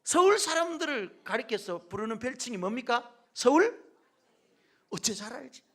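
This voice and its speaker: A middle-aged male pastor preaching a sermon in a church, joking with the congregation and dropping from loud calls to near-whispered asides. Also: extremely high pitch, big pitch swings, normal speed. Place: church sanctuary.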